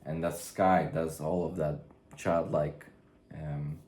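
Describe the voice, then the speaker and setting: A man talking through his drawing work in a rambling way, now and then yelling toward a camera set far away. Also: rumbling low, level tone, slow. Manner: musing, trails off, then loud mock drill-sergeant yelling. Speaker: artist narrating his drawing process. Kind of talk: rambling studio commentary. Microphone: far camera mic. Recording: echoey room from far off.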